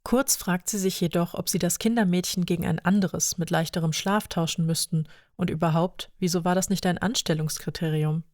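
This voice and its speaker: A woman narrating a story in a calm, measured reading voice. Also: fairly low pitch, no echo, clean studio sound.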